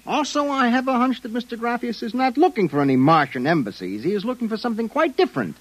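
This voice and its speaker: An actor playing a brusque, wisecracking private detective boss with a husky voice, in old-time radio style. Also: male voice, extremely high pitch, sing-song, fast talker, dry recording, full character voice. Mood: exasperated, bossy. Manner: bossy, hard-boiled, sardonic.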